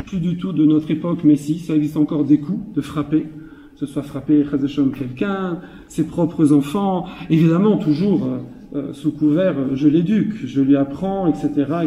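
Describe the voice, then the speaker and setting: A man's voice: fairly high pitch, warm tone. A man giving an informal Torah class as a storytelling rabbi, who repeats words for emphasis and chuckles often. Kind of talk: informal Torah lecture with anecdotes. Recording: echoey hall, heard from a distance.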